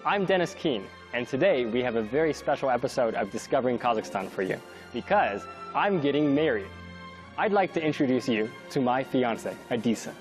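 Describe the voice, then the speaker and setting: A man's voice: medium pitch, animated, brisk, faint music behind. Upbeat male travel-show host. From California. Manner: upbeat, explanatory. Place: outdoors at a wedding celebration.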